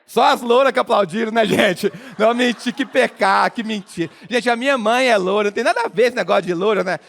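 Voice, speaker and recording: A man's voice: sits high, fast, vocal fry, a bit bright. A man from Minas Gerais with a mineiro Brazilian accent, giving a playful comic stage talk and teasing the audience with jokes. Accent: Minas Gerais Brazilian Portuguese. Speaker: motivational speaker.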